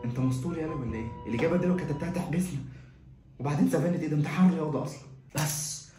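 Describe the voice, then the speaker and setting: A man's voice: a little high, racing, reverberant, music in the background, lightly acted. Man doing a whispering Egyptian exam cheater. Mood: hushed pleading. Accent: Egyptian Arabic. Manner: hushed, pleading half-whisper. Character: desperate sneaky male student cheating in an exam.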